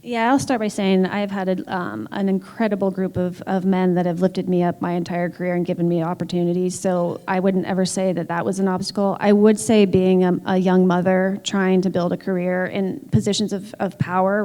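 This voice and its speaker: A woman's voice: fairly low pitch, flat delivery, brisk, hardly any pauses, warm tone. A woman team executive speaking candidly and emphatically on a panel, with frequent filler words. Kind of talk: panel discussion. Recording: long hall reverb.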